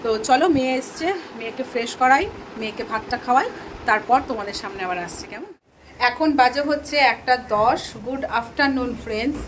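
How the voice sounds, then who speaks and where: A woman from Bengal chats in a casual home vlog from her kitchen and bedroom, with light room noise behind her. Her slightly high voice is brisk and talkative, a touch hoarse because her throat has been a bit rough lately. She speaks straight to viewers and scolds her daughter.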